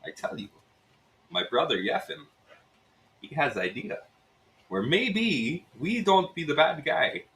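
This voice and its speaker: A man voicing a gruff male innkeeper with a Russian accent and broken English. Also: on the high side, sing-song, takes it slowly, long pauses, a bit bright, exaggerated voice, low-quality recording. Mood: scheming.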